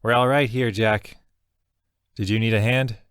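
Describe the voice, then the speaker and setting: A man's voice: on the low side, fairly even intonation, a little slow, fairly bright tone, clear, resonant tone, no echo, clean studio sound. A man doing a rambling young adventurer. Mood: sheepish. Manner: rambling, apologetic.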